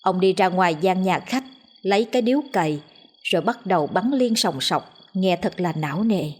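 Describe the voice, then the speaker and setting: A woman reading out a ghost story in a steady, dramatic way as the storyteller. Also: on the low side, moderate pace. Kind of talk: scripted ghost story narration.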